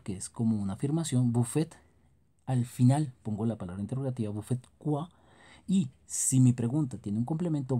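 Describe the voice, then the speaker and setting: Dark husky man teaching French grammar. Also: medium pitch. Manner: explains in Spanish, reads French examples slowly. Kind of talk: scripted grammar lesson narration.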